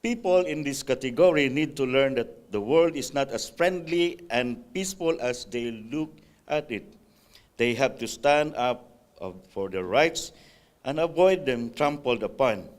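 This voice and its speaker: A man with a medium-pitched voice and lively intonation reads aloud at a measured pace during a church class talk. As the Sabbath school speaker, he drops in asides and "right?" checks, with the odd hesitation or restart.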